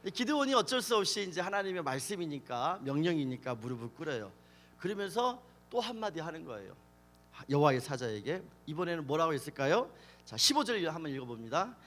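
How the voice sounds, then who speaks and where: A middle-aged male pastor preaching at a youth camp, telling the story in a lively way and asking the audience questions. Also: on the high side, brisk.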